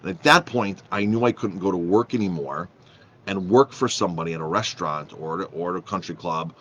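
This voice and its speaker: A man's voice: low-pitched, fairly quick, a bit bright, dull audio, slight background noise. A man who is a chef and restaurant owner, talking casually and emphatically to the camera, repeating phrases and restarting often. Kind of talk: casual vlog talk.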